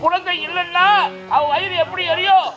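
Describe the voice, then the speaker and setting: Actor playing a worried old father, very high voice. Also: steady tone, moderate pace. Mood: scolding. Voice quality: soothing, earnest, lecturing. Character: worried elderly father, gentle and scolding. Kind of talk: open-air folk stage drama. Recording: outdoor stage with crowd and music.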